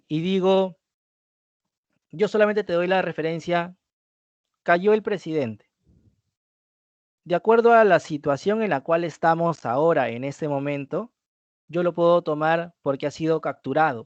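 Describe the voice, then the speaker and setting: A man's voice: fairly high pitch, darkish tone, no room sound. A man teaching an online review class, explaining step by step, often checking with "¿no?" and repeating key points. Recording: dry dull lo-fi recording.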